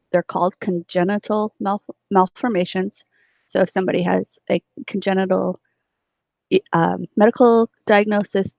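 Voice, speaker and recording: A woman's voice: fairly low pitch, creaky, darkish tone, no room sound. A woman teaching a nursing class, explaining step by step with many fillers and restarts. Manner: explanatory, with frequent fillers and self-corrections. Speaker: nursing instructor. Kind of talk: recorded lecture.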